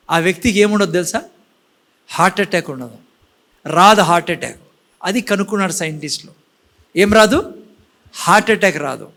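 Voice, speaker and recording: High-voiced man preaching to a congregation. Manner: lively preaching, questions to the congregation. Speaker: pastor. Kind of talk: sermon. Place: church.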